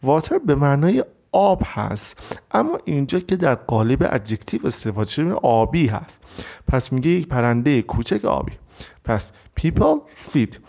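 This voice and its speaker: A man teaching an English vocabulary lesson, explaining each word step by step and reading the English examples slowly. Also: medium pitch, very animated, vocal fry, darkish tone. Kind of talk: recorded online lesson.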